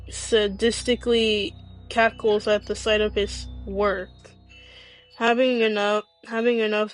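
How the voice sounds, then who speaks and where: A woman reading a scripted story aloud as narrator, halting and often stumbling and repeating phrases. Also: mid-range voice, low-quality recording.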